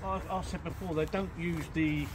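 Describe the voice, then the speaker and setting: An older British man chatting excitedly outdoors while exploring, with animated exclamations. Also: a little high, a little fast, background noise. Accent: British English. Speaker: companion on the explore. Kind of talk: casual chat. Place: outdoors on an overgrown abandoned site.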